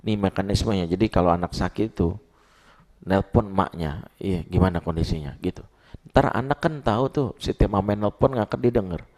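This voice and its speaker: A man's voice: on the low side, brisk, a little mellow. A male preacher, giving a sermon in a casual, storytelling manner with everyday slang. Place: mosque.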